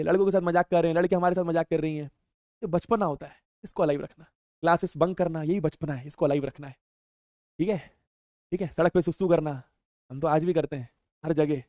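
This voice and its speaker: A man's voice: on the high side, brisk, long pauses, darkish tone, dry recording. A young man teaching an online class, chatting casually and teasing as he reads out viewer comments in a playful, slangy way. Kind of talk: casual live chat reading viewer comments. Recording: dull, dry sound.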